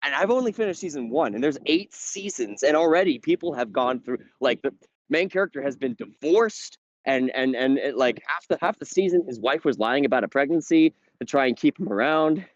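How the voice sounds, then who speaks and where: A man in casual chat on a podcast, out of breath from walking uphill as he talks, animated and swearing while he tells a story. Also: mid-range voice, a little fast, dry recording, highs cut off. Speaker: podcast host.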